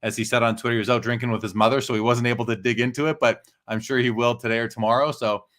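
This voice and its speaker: A talkative man with a medium-pitched voice gives casual commentary. He explains at length and states his opinions plainly. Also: steady tone, very fast, a bit bright. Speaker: show host and commentator.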